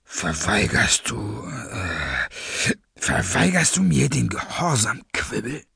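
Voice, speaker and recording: A man's voice: sing-song, slow pace, creaky, slightly rough, no room sound, studio quality, full character voice. A man doing a cold, whispering masked villain. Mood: coldly menacing. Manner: low, hushed and menacing, often near a whisper. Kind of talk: audiobook character voice.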